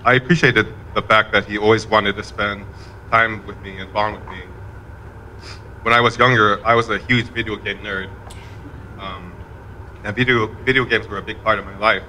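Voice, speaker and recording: A man speaking as a son giving a eulogy at a memorial, in a fairly monotone, measured way. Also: lowish voice, slight background noise, poor audio. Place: event room at a college campus.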